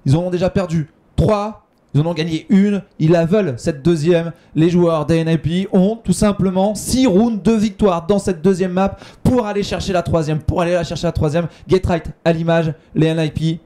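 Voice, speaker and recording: Excitable male esports announcer, highish voice. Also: normal speed, few pauses. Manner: excitable announcer delivery, repeats phrases for emphasis. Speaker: esports match commentator. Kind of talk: live esports commentary.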